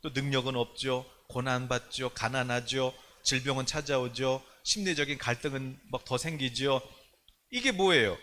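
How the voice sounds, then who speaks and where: A man preaching a sermon as pastor at a prayer meeting in a church. He talks animatedly, asks many rhetorical questions, and swings from loud to hushed. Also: mid-range voice, moderate pace, a little hiss or hum. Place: church, streamed online service.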